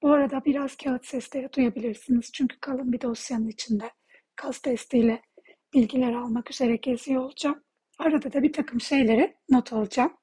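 A woman leading a guided healing meditation in a soft, breathy, partly whispery voice, speaking gently in short phrases with pauses. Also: sits high, poor audio. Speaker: guided healing session leader.

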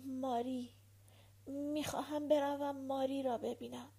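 A woman's voice: high voice, little pitch movement, warm tone, voice pushed up. A woman voicing a dying, delirious male general who speaks faintly in broken phrases, in an audiobook.

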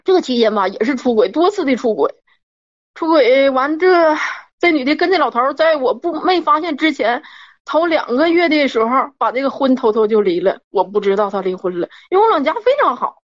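A woman's voice: high voice, lively intonation, fairly quick. A woman, a caller telling a personal story in a rambling, worked-up way and repeating herself. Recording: dull lo-fi audio.

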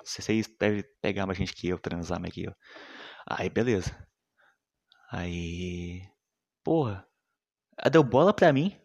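A young man with a fairly low voice delivers a casual, rambling monologue. He swears freely, uses lots of slang, and often lets his sentences drop off into a mumble. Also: animated, a little slow, pauses often. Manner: slangy, profane, rambling, often trails off quietly.

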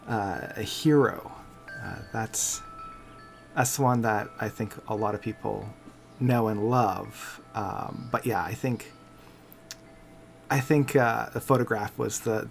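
A man from Canada co-hosts a relaxed, casual podcast in a halting, unhurried way. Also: mid-range voice, vocal fry. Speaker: podcast co-host.

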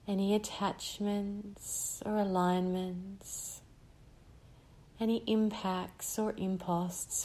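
Slow, soothing woman guiding meditation. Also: mid-range voice, dark tone. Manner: slow, soothing, with long pauses. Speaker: meditation guide. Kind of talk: guided meditation.

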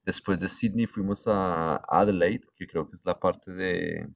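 A man's voice: sits low, fairly even intonation, a little slow, vocal fry, no echo, muffled recording. A young adult man with a Colombian accent, telling a story in casual chat with crude slang.

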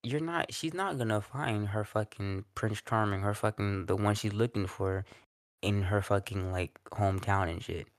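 A man co-hosting a podcast, talking in a rambling, halting way that repeats words. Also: lowish voice, dry recording, clean studio sound. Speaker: podcast co-host. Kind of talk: casual chat.

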